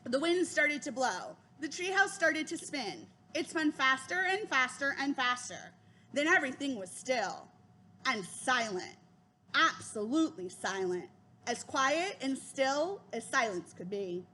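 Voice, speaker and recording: A woman reading a children's chapter book aloud, giving the children's lines a higher voice. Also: expressive, unhurried, pushed and bright, slight background noise. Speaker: reader.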